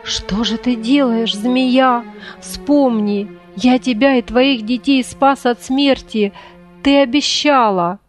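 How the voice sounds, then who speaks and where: Scared trembling hunter guy begging, higher voice, woman reading, music behind. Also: takes it slowly. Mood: pleading. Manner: pleading, trembling. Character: frightened pleading male hunter.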